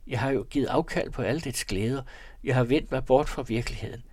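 A man's voice: mid-range voice, darkish tone, breathy edge, dry recording, voice pushed up, close to an everyday voice. A man voicing a young, sorrowful woman in a read-aloud novel, speaking earnestly and hesitantly. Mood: confiding.

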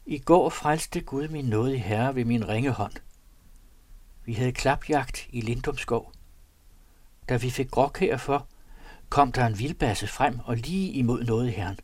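A man reading an old diary aloud in an earnest, measured literary manner. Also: medium pitch, no echo. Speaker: narrator.

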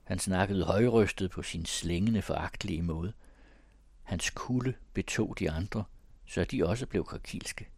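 A man reading a classic story aloud in a measured, even tone. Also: deep voice, husky, no echo. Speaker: audiobook reader. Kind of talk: storybook narration.

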